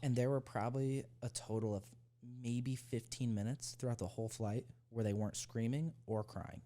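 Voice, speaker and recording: A man's voice: mid-range voice, steady tone, normal speed, dark tone. A young man co-hosting a podcast, telling a heated, profane story in casual chat. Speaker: podcast co-host.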